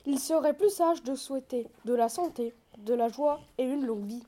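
A woman's voice: sits high, normal speed, mellow. A woman voicing a poor, cautious husband in a storybook reading, earnest and pleading. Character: poor cautious husband, sensible yet quick-tempered.

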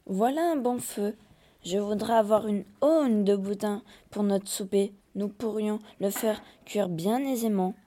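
An impulsive, vain peasant wife from an old fairy tale, read aloud by a woman. Her voice is mid-pitched, dark and mellow, read plainly with small hesitations. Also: a little slow, natural voice. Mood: content.

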